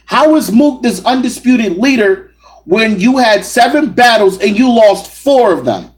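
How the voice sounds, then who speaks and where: A man's voice: very high voice, lively intonation, a little slow, rough recording. A man giving assertive, argumentative commentary on battle rap, speaking directly to his viewers. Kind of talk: opinionated solo commentary.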